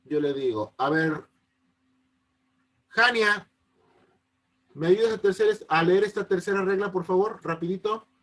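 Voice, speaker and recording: High-voiced patient male teacher. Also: a little slow, pauses often, a bit bright. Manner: patient, checks often that students understand. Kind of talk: online class explanation. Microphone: video call. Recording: unstable connection.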